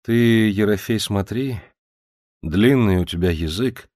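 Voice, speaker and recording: A man voicing a polite, careful gentleman homeowner who speaks quietly and with restraint in an audiobook. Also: lowish voice, slow, no room sound, studio quality.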